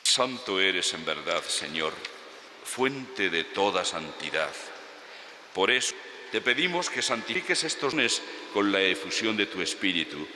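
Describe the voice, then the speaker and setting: Slow, echoing priest, a man praying solemnly. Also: low voice, expressive, sharp tone, slight background noise. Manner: measured, formal phrasing. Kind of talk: solemn liturgical prayer recitation. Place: large reverberant church. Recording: cathedral-like echo, long reverberant church acoustics.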